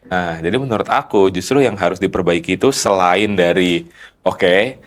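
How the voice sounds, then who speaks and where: A man of thirty with a deep, low-pitched voice, chatting casually as a podcast guest. He explains his ideas methodically, building each point step by step. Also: normal speed. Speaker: guest, company founder.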